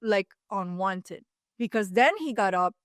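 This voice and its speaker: A woman in her fifties from Cuba, telling a personal story as a podcast guest with animated asides. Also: mid-range voice, measured pace, dry recording, studio quality. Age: 50s. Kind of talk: storytelling in an interview.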